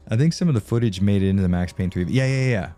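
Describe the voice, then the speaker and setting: A man's voice: fairly low pitch, warm tone. A man streaming a game live, chatting casually with viewers, swearing, rambling and laughing often, tired from no sleep.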